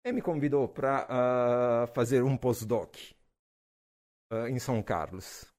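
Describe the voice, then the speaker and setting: A man in his forties from Naples with an Italian accent, a physics professor answering interview questions in a relaxed way, with frequent hesitations and fillers. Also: medium pitch, slow. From Naples, southern Italy. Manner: hesitant, many "ah" fillers, laughs easily.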